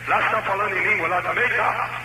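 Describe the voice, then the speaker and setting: Preacher on a hissy worn tape copy. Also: male voice, sits high, fast talker, echoey room. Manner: mocking, questioning. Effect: worn tape copy played on a speaker. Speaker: pastor questioning a possessed person. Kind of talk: deliverance session.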